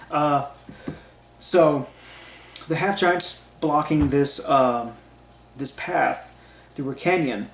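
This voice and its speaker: A man giving a relaxed, rambling spoken book review, with lots of ums and uhs as he talks things through. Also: a little high. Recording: roomy echo with faint background hum.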